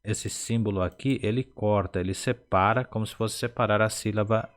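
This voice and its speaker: A man teaching short phrases, speaking Portuguese with Spanish as his first language, patient and explanatory, repeating each phrase slowly syllable by syllable. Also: lowish voice, fairly even intonation. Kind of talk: slow instructional explanation.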